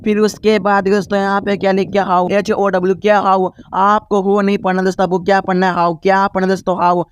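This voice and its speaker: A man's voice: high voice, little pitch movement, fast, clean tone, dry recording, studio quality. A man teaching English reading as a lesson, spelling each word letter by letter and asking the same questions again and again. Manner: repetitive call-and-response questioning. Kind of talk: classroom-style spelling lesson.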